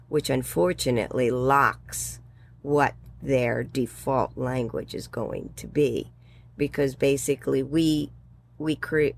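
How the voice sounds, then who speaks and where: Her voice is deep, almost bass, with vocal fry. She's a guest educator in her sixties working through her thoughts during a conversational interview, full of ums and little laughs.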